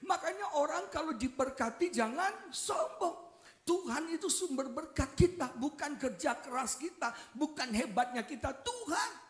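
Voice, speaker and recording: A man's voice: very high-pitched, measured pace. A man preaching a revival sermon as pastor, telling stories with jokes and calling out to his listeners. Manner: animated storytelling, joking, often addresses listeners as "saudara". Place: church hall. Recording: echoey church hall.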